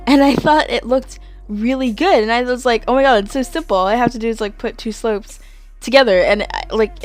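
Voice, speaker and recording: Rambling young woman with faint music. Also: medium pitch. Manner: rambling, filler-heavy, giggly. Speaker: Sims speed build creator. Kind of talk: casual voice-over commentary.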